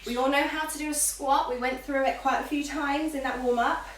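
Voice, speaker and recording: Lady doing aerobics instructor cues, high voice, encouraging, counting reps, bit far from the mic in an echoey room. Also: fairly even intonation, brisk, a little hiss or hum. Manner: short imperative cues, encouraging the class. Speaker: fitness instructor leading a live workout class.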